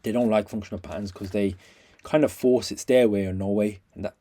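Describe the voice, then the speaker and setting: A man's voice: fairly low pitch, steady tone, fairly quick, mellow. A man talks casually and bluntly in a rambling video review, repeating himself in slangy, scathing, aggrieved critique. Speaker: vlogger giving a review.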